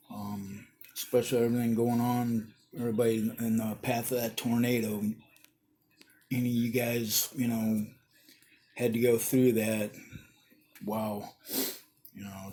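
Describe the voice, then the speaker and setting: A tired, yawning man talks casually through a hobby build update, wandering through fillers and restarts. His voice is mellow and mid-pitched. Faint noise sits under the recording. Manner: rambling, many fillers and restarts.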